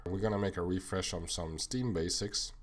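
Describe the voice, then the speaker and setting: A sales manager from Quebec, French his first language, speaks with a Québécois French accent in a deep voice at normal speed. He earnestly and plainly explains a slide presentation, going through the items one by one.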